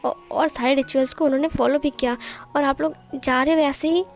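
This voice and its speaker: A woman voicing a sharp-tongued, reproachful noble mother in a story reading. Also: high voice, steady tone, a little fast, faint music behind.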